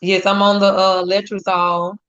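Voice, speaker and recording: A woman in her forties giving a grateful, steady personal testimony as a guest. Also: mid-range voice, moderate pace. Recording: dull lo-fi audio.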